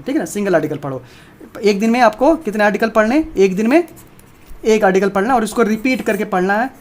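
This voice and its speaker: A man teaching an informal video lesson on exam preparation, emphatic and repetitive, talking straight to his viewers. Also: high voice.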